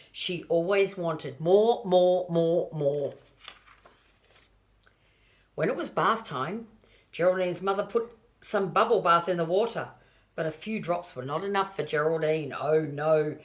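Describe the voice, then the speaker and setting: Reading a picture book aloud like a grandmother, an older woman speaks in a fairly low, unhurried voice. Her delivery is expressive and homely, and she pauses for little asides aimed directly at the children.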